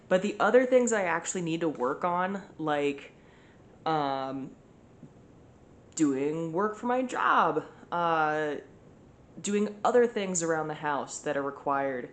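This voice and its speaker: A woman's voice: sits low, a little hiss or hum. A young woman chatting casually through her day at home for a vlog, rambling with lots of fillers. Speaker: vlogger.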